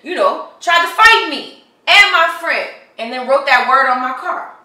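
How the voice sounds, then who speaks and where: A woman's voice: high voice, expressive, moderate pace, sharp tone, pitched above the performer's own voice, exaggerated voice. A woman playing a young male college student who is cocky and then indignant in a campus dispute. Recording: echoey room, mic far off.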